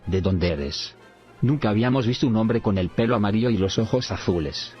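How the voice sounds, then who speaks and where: A gruff, hostile sea captain, read by a male narrator barks his contemptuous questions. The voice sits very low, and faint music hums beneath a dull, lo-fi recording. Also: brisk, lightly acted. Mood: scornful.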